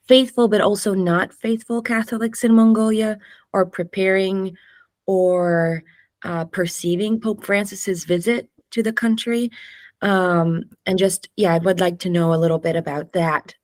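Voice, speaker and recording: A woman's voice: medium pitch, dry recording. Woman, questioner on a video call, polite, tentative, dry close sound. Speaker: questioner in an online meeting.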